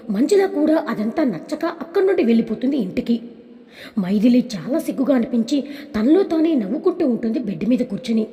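Mellow woman narrating a story. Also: on the high side, in a large hall. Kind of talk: scripted narration.

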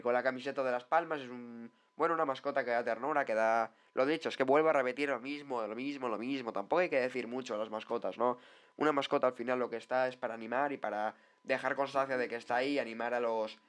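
A man's voice: mid-range voice, fairly bright tone. A man giving a casual, rambling commentary on football mascots, full of tag questions and repeated words. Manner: rambling, chatty, lots of tag questions and repetitions. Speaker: football vlogger reviewing mascots.

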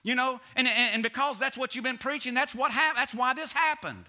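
A middle-aged man with a very high-pitched voice preaches a sermon on a church stage, talking a little fast. He is animated, going back and forth between loud emphasis and hushed asides.

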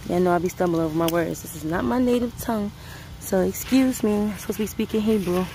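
She talks fast in a warm, mid-range voice, and the poor audio picks up slight background noise. A homestead vlogger from Brooklyn, New York City, she chats to viewers she calls "guys" while picking peppers in a sunny outdoor garden, filmed on a phone.

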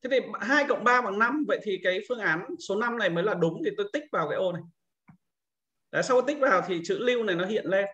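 A man giving a patient, step-by-step screen-recorded software tutorial to teachers, explaining each click as he goes. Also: high-pitched, expressive, fast talker, muffled recording. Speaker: teacher trainer.

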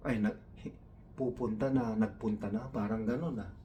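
A man's voice: on the low side, steady tone, normal speed, dark tone, distant mic, a little hiss or hum. A man from the Philippines doing stand-up storytelling, taking on his coworkers' broken English in a raised voice. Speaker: comedian.

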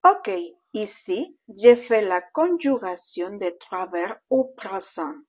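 A woman teaching to French speakers, saying each word slowly and clearly with pauses between them. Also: medium pitch, big pitch swings, darkish tone. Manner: slow, deliberate pronunciation with pauses between words. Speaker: Spanish teacher. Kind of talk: slow vocabulary drill for French speakers.

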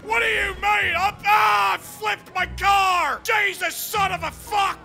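A man's voice: extremely high pitch, fairly even intonation, a little slow, vocal fry. A man trolling players in a game's voice chat, barking every line like a drill sergeant. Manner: constant shouting, drill-sergeant bark. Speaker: online game prankster.

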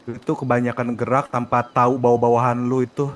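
A man with a mid-range voice and little pitch movement speaks fast, arguing insistently in character during an online multiplayer role-play game.

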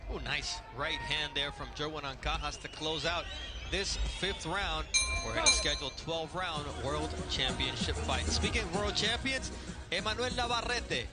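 High-voiced male boxing play-by-play commentator. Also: normal speed, loud music behind the voice. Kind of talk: live sports commentary.

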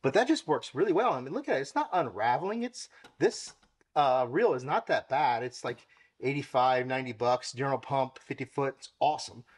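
Animated and fairly quick, this young car-detailing host talks at a medium pitch into a camera mic, casually explaining a product while moving around and working by hand in his tiled home garage.

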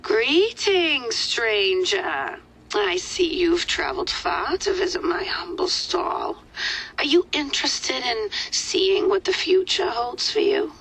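A silky, too-smooth android seer speaks in a high, richly swooping voice. She takes her time, drawing out each grand pronouncement. Breathy whispers lend her game-character patter a theatrical mystic air. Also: huge pitch swings, takes it slowly, fairly bright tone, exaggerated voice, rough recording. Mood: grand, mysterious. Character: smooth-talking female robot fortune teller, theatrical and mystic. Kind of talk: video game voice acting.

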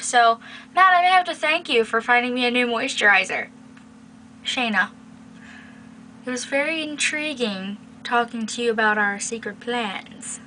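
A young woman vlogs casually to her camera from a small bedroom, teasing and playful in a fairly high, sharp-toned voice. The camera's own mic picks her up, giving a noisy, webcam-style home recording.

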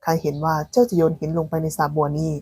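A woman reads a deadpan young palace eunuch from a storybook, low-pitched and husky, teasing in flat, unhurried retorts. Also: dry recording.

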